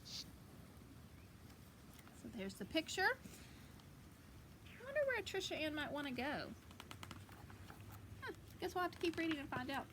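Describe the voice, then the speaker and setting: With a high, sing-song voice, a woman teacher reads unhurriedly to young pupils, pausing often and offering explanatory asides in a casual, folksy, encouraging way. She records outdoors on her back porch, where the background is noisy with ambience.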